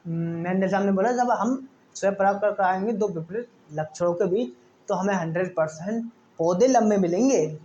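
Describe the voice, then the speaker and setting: A man's voice: sits high, moderate pace, warm tone, muffled recording, slight background noise. A man teaching a science lesson, often repeating words and asking the class questions. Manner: repetitive, asks the class questions.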